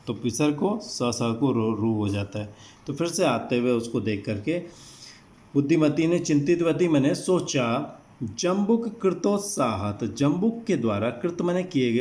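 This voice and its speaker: Male teacher, mid-pitched voice, patient word-by-word glossing, repeats meanings, classroom explainer. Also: darkish tone. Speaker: Sanskrit teacher. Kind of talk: line-by-line textbook explanation.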